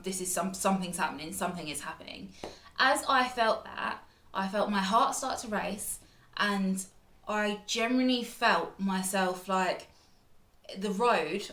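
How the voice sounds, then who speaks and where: A young woman with a British accent tells a storytime vlog in a dramatic, chatty way, full of likes and restarts. Her voice sits at an ordinary middle pitch. It rings with a roomy echo. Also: a bit bright. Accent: British English. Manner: dramatic, chatty retelling with frequent fillers. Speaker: vlogger.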